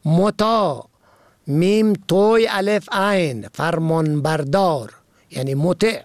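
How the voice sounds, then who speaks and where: A man reads a vocabulary and usage lesson, measured and precise, spelling words out letter by letter. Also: a little high, dry recording. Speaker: language teacher.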